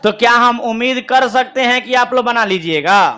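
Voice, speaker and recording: A young man teaches a class, firing questions at his students and then answering them himself. His voice sits high for a man. The classroom recording sounds muffled and lo-fi. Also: moderate pace, pushed and bright. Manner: quizzing students, call and response. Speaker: accountancy teacher. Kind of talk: classroom lecture.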